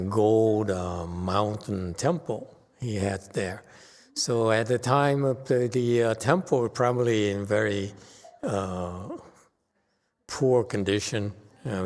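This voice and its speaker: A man giving an informal explanatory lecture as a Buddhist teacher, halting often as he searches for words. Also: fairly low pitch. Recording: long reverberant hall sound.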